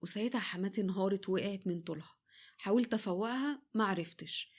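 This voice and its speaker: Egyptian woman narrator, rapid-fire dramatic storytelling voice, middle pitch. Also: husky. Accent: Egyptian Arabic. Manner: rapid, dramatic delivery of quarrels. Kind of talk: first-person story narration acting out dialogue.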